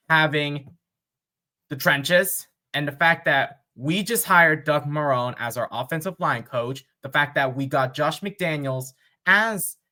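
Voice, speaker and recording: A man hosting a sports fan vlog, thinking aloud in casual, unscripted commentary with pauses and fillers. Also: a little high, pushed and bright. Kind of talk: casual mock draft commentary.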